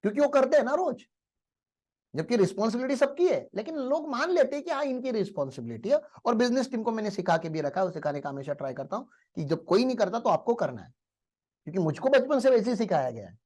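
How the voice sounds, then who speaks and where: A man's voice: sits high, big pitch swings, quick pace, a little mellow. A male teacher giving a motivational lecture in a classroom, telling stories and asking the class rhetorical questions.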